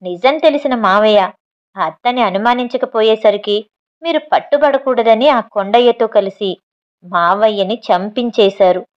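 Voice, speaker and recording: A woman's voice: a little high, unhurried, muffled recording, close to an everyday voice. A woman voicing an angry grown son who heatedly accuses his father, in a storybook reading. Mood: accusing.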